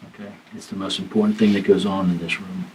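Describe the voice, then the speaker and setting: Low-voiced detective on old interrogation tape. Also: male voice, little pitch movement, quick pace, darkish tone. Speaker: police detective. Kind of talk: police interrogation. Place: police interrogation room. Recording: distant mic, faint hiss in interrogation room.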